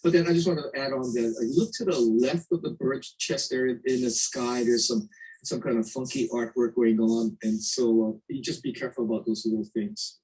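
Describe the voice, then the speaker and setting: A man critiquing photographs as a competition judge, energetic and emphatic, repeating his key points. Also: medium pitch, fairly quick, husky. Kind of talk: spoken critique. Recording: distant mic.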